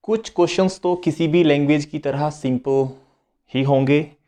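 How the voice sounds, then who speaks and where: A man's voice: on the high side, moderate pace, mellow. A man teaching a beginners' language lesson, switching between Hindi and English and repeating each point. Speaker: French teacher. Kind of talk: slow explanatory lesson.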